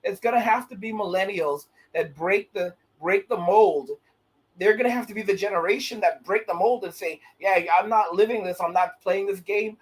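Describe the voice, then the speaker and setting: A man in his late thirties talks through casual commentary as a channel host. His voice sits high for a man and has a husky edge. He rambles, circles back and repeats himself as he goes. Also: moderate pace. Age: 30s. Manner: rambling, repeats and restarts phrases.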